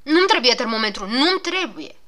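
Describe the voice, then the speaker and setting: A woman voicing a brash little male gnome who yelps and complains loudly in a storybook reading. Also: big pitch swings, full character voice. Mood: whining. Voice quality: shrill, yelping. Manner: loud and complaining.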